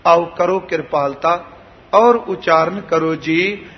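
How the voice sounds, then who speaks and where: A man giving a devotional sermon to a congregation, chanting scripture lines slowly and addressing listeners as beloved ones. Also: on the high side. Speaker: Sikh preacher giving katha. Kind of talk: devotional sermon with recited verses. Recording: dull sound with long hall reverb.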